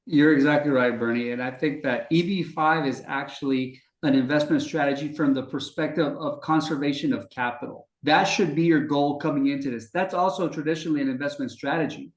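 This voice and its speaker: On a podcast he co-hosts, this business development executive gives long, fluent, confident explanations in a conversational interview. His voice is a little high and a little fast, with hardly any pauses, recorded in an echoey room.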